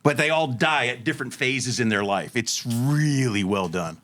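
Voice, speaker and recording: A man's voice: mid-range voice, normal speed, fairly bright tone. A man on a podcast, trading dry, sarcastic jabs and telling long stories in casual banter. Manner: long storytelling stretches. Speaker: podcast co-host.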